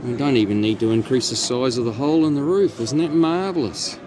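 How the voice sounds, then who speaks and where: This New Zealand-accented man has a mid-range voice and speaks fairly quickly. He's a radio technician giving a relaxed, matter-of-fact hands-on walkthrough in his own repair video, set in and around a truck cab, with clear vehicle ambience and background noise.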